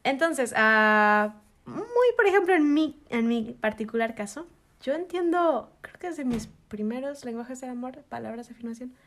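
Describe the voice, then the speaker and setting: With a voice on the high side and a normal pace, this podcast co-host speaks with a Mexican Spanish accent. She explains in a relaxed, teacherly manner, lively and quick to laugh.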